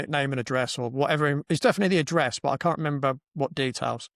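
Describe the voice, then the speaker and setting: Animated man telling a story. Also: fairly high pitch, dry recording, studio quality. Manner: animated, acts out quoted dialogue, frequent restarts. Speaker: podcast host. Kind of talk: casual conversational storytelling.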